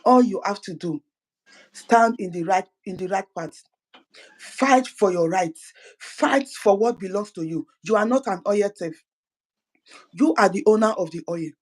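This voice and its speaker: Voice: mid-range voice, measured pace, long pauses, rough recording. Fervent speaker. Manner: fervent, repeats words and restarts phrases. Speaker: political activist. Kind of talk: impassioned political address.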